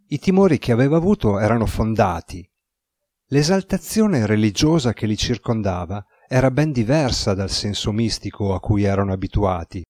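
Low-voiced male audiobook narrator. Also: a little mellow, dry recording, studio quality. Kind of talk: scripted narration.

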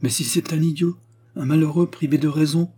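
A man's voice: a little high, fairly even intonation, fairly quick, mellow, slightly rough, pitched above the performer's own voice. A man reading the part of an outspoken young woman, earnest and indignant. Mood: pleading.

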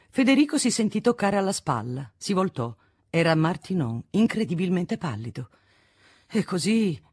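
Female audiobook narrator, measured and expressive, dry close studio sound. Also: sits low, no echo. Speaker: audiobook reader.

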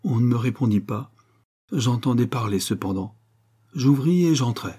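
A man's voice: medium pitch, lively intonation, moderate pace, warm tone, slightly rough. A man reading aloud, voicing an earnest young woman who tells a story at length and is easily flustered.

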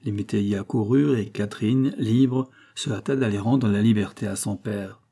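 A man narrating a classic novel as an audiobook in a measured, even reading. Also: fairly low pitch. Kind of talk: scripted narration.

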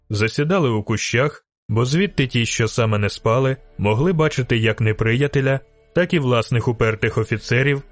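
A man reading a fantasy novel aloud in steady, scripted audiobook narration. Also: medium pitch, no room sound.

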